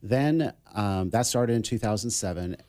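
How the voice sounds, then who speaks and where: Low-voiced man from Massachusetts. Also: normal speed. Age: middle-aged. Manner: relaxed, conversational, many fillers. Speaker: guest, business consultant. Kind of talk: casual radio interview.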